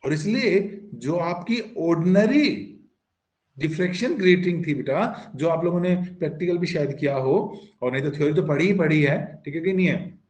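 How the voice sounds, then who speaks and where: A man's voice: a little high, normal speed, a little mellow. Coaxing male physics teacher, echoey room. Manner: coaxing, calls students "beta", asks and answers his own questions; mixes English terms into explanations. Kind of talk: online classroom lecture.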